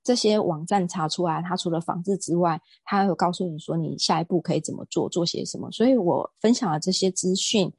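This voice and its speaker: A woman's voice: fairly low pitch, brisk, hardly any pauses, darkish tone, husky, no room sound. A woman, a guest speaking earnestly in a casual interview and telling stories with emphasis and some hesitation. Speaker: guest speaker on sexual assault prevention.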